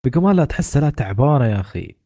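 A man's voice: mid-range voice, very animated, racing, dark tone, dry recording, studio quality. A man co-hosting a casual gaming podcast, blunt and ribbing the other hosts. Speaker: podcast co-host. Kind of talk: casual chat.

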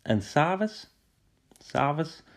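A man's voice: fairly high pitch, very animated, very slow, gravelly. A man telling a children's story playfully and dramatically, dropping to whispers for suspense.

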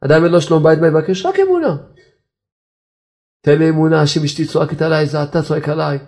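A man giving a religious sermon, emphatic and repetitive, with chuckling asides and sudden jumps up in pitch. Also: completely flat delivery, gravelly, a little mellow. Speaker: preacher.

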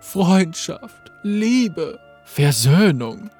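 A man's voice: high-pitched, very animated, drawn-out words, a little mellow, breathy edge, soft background music, full character voice. A man reading the lines of a mocking villainous sorceress in a game story. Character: scornful villainous sorceress woman.

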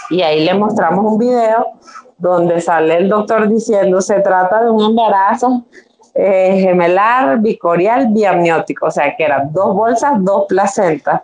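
A young woman with a Venezuelan accent, a podcast guest, telling her story in a casual, animated way and acting out the voices of the people in it. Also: mid-range voice, rough recording. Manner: animated, acts out quoted voices.

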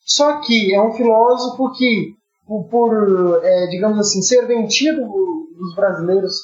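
A Brazilian man with a Brazilian Portuguese accent, talking in a halting, ironic way with many restarts on a casual podcast. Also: high voice, a little mellow. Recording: roomy, slightly dull audio with faint music.

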